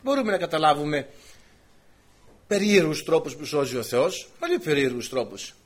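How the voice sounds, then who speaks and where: Man, preacher, husky voice, high and lively pitch, storytelling sermon. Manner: animated storytelling with voiced quotes.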